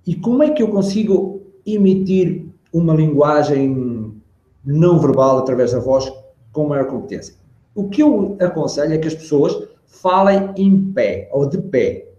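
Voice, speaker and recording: A man with a European Portuguese accent talks over a video call as a body language expert, explaining in an animated way. His voice sits a little high but sounds mellow and relaxed. The room around him is echoey. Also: dull audio. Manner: animated, demonstrates tones and pauses. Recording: roomy video call audio.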